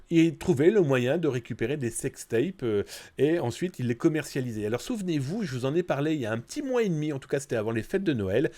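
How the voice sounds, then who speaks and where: A man's voice: medium pitch, a little mellow. A man with a blocked, nasal nose, hosting a live news stream in a casual, chatty way, speaking straight to his viewers. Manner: chatty, informal, directly addressing viewers.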